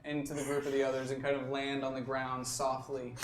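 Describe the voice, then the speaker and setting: A man's voice: medium pitch, completely flat delivery, a little fast, echoey room. A man narrating as game master, describing scenes and calling for dice rolls. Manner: narrating, asking players for rolls.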